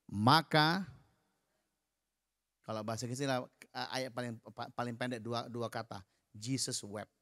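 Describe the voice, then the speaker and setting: A man's voice: mid-range voice, unhurried, pauses often, pushed and bright, no room sound, studio quality. A man preaching a sermon. He speaks to the congregation directly in a conversational way and leads them in reading aloud together. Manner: conversational, addresses the listeners directly.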